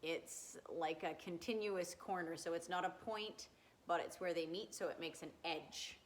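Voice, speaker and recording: A woman teaching a grade two math lesson to young children, gentle and encouraging, asking questions and answering them herself. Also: lowish voice, normal speed, slight background noise.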